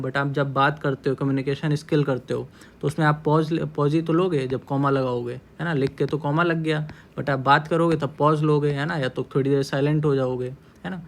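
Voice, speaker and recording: Chatty man teaching an exam-prep class. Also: a little high. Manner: explains with constant "है ना?" checks; mixes English terms into Hindi. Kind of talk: casual Hindi-English lecture.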